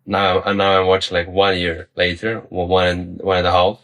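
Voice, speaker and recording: Low and level, his voice runs at a normal speed and carries a slight brightness. The speaker is a young adult from Serbia with Serbian as his first language, rambling through a personal vlog story to camera with repeated words and casual swearing.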